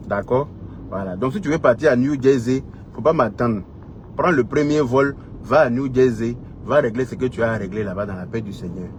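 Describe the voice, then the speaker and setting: A man's voice: mid-range voice, a little hiss or hum. Scolding Ivorian man ranting to camera. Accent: Ivorian French. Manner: scolding, repetitive, rhetorical questions. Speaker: social media commentator. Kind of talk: heated direct-address rant.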